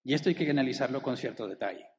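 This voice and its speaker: A man preaching at a mid pitch, his voice trailing in a lingering church-hall reverb with faint room ambience underneath. He speaks in a sermon style, pausing on rhetorical questions to the congregation. He slows right down to land his main points. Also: a little hiss or hum. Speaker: pastor.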